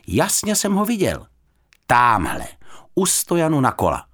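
A man playing an insistent, slightly flustered middle-aged husband in an audiobook, speaking slowly and deliberately. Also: mid-range voice, wildly swooping pitch, a bit bright, voice pushed up.

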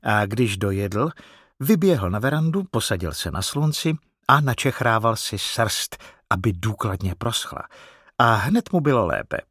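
A man narrating a storybook in an expressive, animated reading. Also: lowish voice, breathy edge, no room sound, clean studio sound.

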